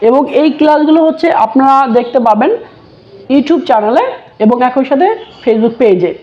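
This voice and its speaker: A woman's voice: high-pitched, dull audio. A woman teaching letter sounds, saying each one twice and then asking and answering her own questions. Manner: slow, repeats each sound twice, asks and answers herself. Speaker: English teacher. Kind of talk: teaching lesson.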